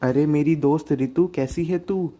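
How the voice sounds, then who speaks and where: A man's voice: on the high side, unhurried, dark tone, voice pushed up. A man voicing a chatty young village woman in a cartoon, chirpy and fussing over her friend.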